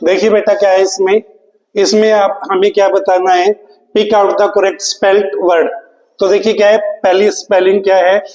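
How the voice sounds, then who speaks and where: In an exam prep lecture, a man teaches English spelling to exam students, spelling words letter by letter and posing questions to the class that he answers himself. His voice sits high and level, a little slow and darkish. The audio is poor, with a roomy sound and a long reverb tail.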